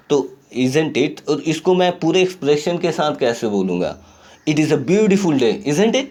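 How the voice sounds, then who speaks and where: A man teaching an English grammar lesson in a recorded online class, reading examples slowly and acting out rising and falling tones. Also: mid-range voice, darkish tone. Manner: reads English examples slowly and demonstrates question-tag intonation; encouraging, repeats "ठीक है" often. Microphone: phone screen recording.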